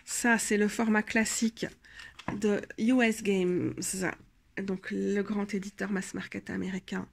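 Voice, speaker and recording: A woman's voice: mid-range voice, creaky. A young woman with a Belgian French accent, tired, chatting casually in a rambling show-and-tell about her tarot decks, full of fillers and self-corrections. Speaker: tarot vlogger.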